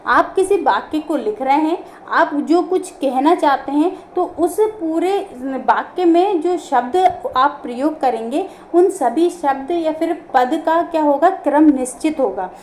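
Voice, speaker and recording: A woman's voice: high voice, unhurried, a little mellow, slight background noise. A woman teaching an online grammar class, explaining step by step and answering her own questions.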